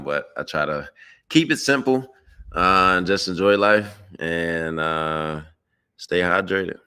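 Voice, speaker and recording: A man's voice: deep voice, sharp tone, smooth. A man speaking as a guest on a live-streamed talk show over a video call, laid-back and keeping it simple. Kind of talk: casual chat.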